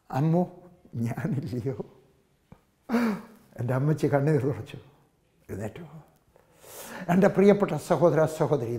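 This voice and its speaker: An older pastor from Kerala with a Malayalam accent, preaching in a fairly high voice. He tells stories, repeating phrases and moving from ringing appeals to near-whispered lines. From Kerala, India. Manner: storytelling preacher, swings from loud to hushed, repeats phrases. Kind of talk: sermon.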